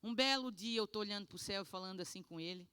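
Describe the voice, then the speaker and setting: A woman pastor from Brazil giving an animated, emotional testimony sermon. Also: mid-range voice, fast talker, smooth, no room sound.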